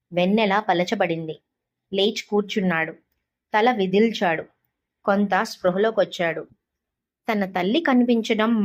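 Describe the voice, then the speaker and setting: A woman reading a short story aloud as an audiobook narrator, in a calm, measured way. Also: medium pitch.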